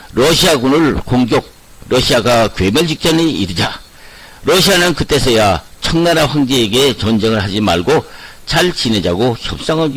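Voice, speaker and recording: Older man, history storyteller, mid-pitched voice, loose unscripted narration. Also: fairly bright tone, breathy edge, poor audio. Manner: loose, self-correcting storytelling. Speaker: history channel host.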